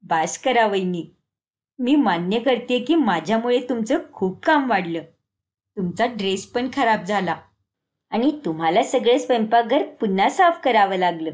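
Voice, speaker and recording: A woman voicing a sly teenage girl, the younger sister-in-law, who talks defensively and pleads in a lowered voice. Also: expressive, moderate pace, close to an everyday voice. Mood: defensive pleading.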